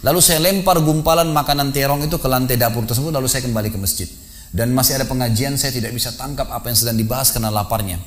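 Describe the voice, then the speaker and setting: A man preaching a sermon, telling a moving story with animated, rising delivery when he voices the characters. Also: mid-range voice.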